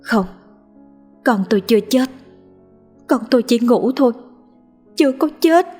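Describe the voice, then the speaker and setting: A woman's voice: on the high side, lively intonation, unhurried, mellow, faint music behind, pitched above the performer's own voice. Woman voicing a shrieking, sobbing young mother. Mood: denying. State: crying.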